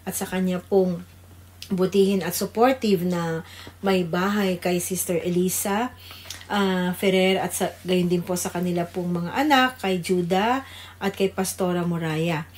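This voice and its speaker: Speaking a little slowly, a woman with a Filipino accent keeps her low-leaning, darkish voice steady in tone. She is a pastor's wife co-hosting a devotional radio show, and her informal greetings and prayer come across as reverent and conversational.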